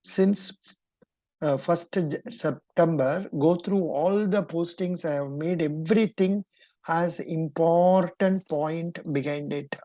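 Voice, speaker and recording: A woman interview coach speaks in a low, mellow voice with a Kannada-influenced Indian English accent. She is encouraging yet probing, giving instructions as she goes, and the audio is dull and lo-fi. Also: takes it slowly, no echo.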